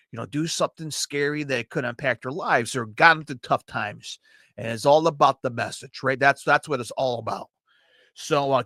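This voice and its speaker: A man's voice: medium pitch, pushed and bright, no echo, clean studio sound. A man with a Chicago accent hosting a podcast, reviewing metal albums in an enthusiastic, profane, rambling way. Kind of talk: casual solo podcast review.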